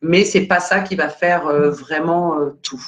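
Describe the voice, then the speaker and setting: A woman's voice: low voice, steady tone, unhurried. A woman career coach answering questions live on a video call, hesitant and full of fillers while searching her files.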